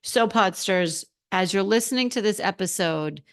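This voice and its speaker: Her voice is mid-range and a little hoarse, at normal speed. She's a middle-aged solo podcast host, chatting animatedly and casually as she coaches her listeners directly.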